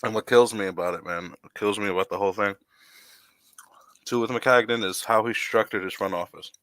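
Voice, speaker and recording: A man with a lowish voice that has a forceful, bright edge. He rambles through his opinions as a podcast host, restarting his sentences often. The sound is dry and close. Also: steady tone, brisk, no echo. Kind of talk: casual sports chat.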